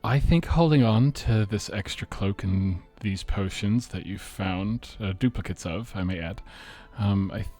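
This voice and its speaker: A careful young woman who checks with everyone before acting, as a man puts her on in his own low voice. She talks in halting phrases full of fillers, for a tabletop game. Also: warm tone. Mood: earnest. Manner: hesitant, filler-laden.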